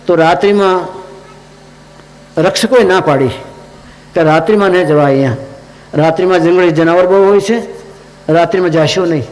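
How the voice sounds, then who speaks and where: A male preacher telling devotional stories in an animated, dramatic sermon. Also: high voice. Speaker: religious preacher. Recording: long hall reverb.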